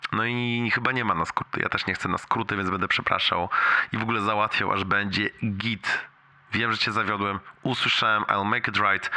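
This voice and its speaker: A young adult man leaves a rambling, casual voicemail for a friend, full of slang with bits of English mixed in. He halts and repeats himself, his deep voice pushed and bright.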